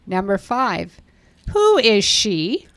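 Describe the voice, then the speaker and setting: A woman reading English lesson prompts slowly and with clear, careful enunciation. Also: mid-range voice, big pitch swings, a bit bright. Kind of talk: scripted language lesson dialogue.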